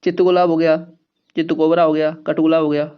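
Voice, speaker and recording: A man with a fairly high voice teaches an exam-prep grammar lesson. He goes through each point slowly, repeating key words and asking questions back to the class. The recording sounds dull and lo-fi. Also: little pitch movement, clean tone. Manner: explains step by step, repeats key words, asks rhetorical questions.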